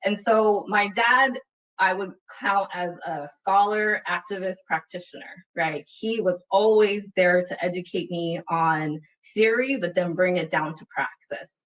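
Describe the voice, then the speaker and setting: A woman from Utah, USA, speaks a little slowly in a lowish, slightly bright voice, telling a personal story as a webinar panelist. She sounds earnest and reflective and often checks in with "right?". Her video call computer mic makes the audio dull and distant.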